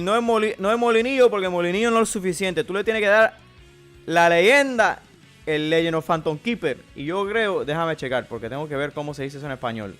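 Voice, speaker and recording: A man's voice: high voice, a bit bright. Man putting on a jokey Cuban-accented Miami guy. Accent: Cuban Spanish. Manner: playful, slangy and crude. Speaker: streamer. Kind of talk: casual game commentary.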